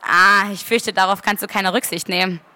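A woman's voice: medium pitch, steady tone, moderate pace, bright, forceful tone. A woman reading aloud at a book fair, voicing a serious, impatient young man with a dry, matter-of-fact manner.

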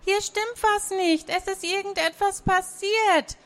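A woman voicing a frightened, excited young girl in a children's audio story. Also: measured pace. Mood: urgent. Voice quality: high, breathless urgency.

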